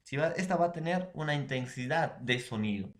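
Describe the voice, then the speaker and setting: A man's voice: mid-range voice, expressive, a little fast, a little hiss or hum. A man from Peru teaching a class, explaining step by step and often checking in with his listeners.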